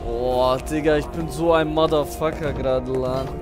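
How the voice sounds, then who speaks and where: A man's voice: mid-range voice, steady tone, normal speed. A young man giving casual live gaming commentary as a streamer, with slangy, boastful trash talk. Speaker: game streamer. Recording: music behind the voice.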